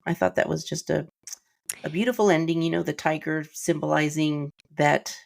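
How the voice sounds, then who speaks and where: A woman with a very deep, gravelly voice co-hosts a casual film podcast. She talks through a film's ending in a reflective way and stops to steady herself when it moves her. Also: normal speed. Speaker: podcast co-host.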